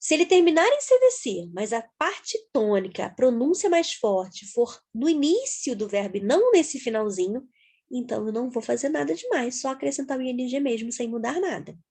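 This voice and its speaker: A woman teaching an English lesson, her somewhat high voice rising and falling freely. She spells words out letter by letter in a slightly breathy tone, taking her time. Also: very animated, moderate pace, a little mellow. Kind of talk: explaining grammar to viewers.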